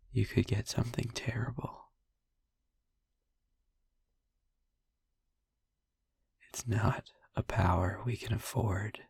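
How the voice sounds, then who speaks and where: This is a man cast as a young vampire boyfriend in intimate audio roleplay: haunted, tender and wry, with a grave, wry mood. He speaks low-ish, hushed, breathy and husky, with long halting pauses and an exaggerated delivery, on a dry recording.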